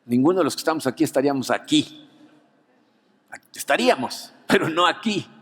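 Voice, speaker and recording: A male pastor with a Mexican Spanish accent, preaching an anniversary sermon as an animated storyteller who keeps adding "¿no?" to his lines. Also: a little high, fairly quick, slightly rough. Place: church auditorium. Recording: long reverb of a church hall.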